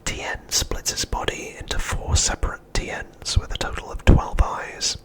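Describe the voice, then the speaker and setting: This is an episode recap from a male ASMR host. He keeps to a deliberate, unvoiced whisper that is soft and breathy.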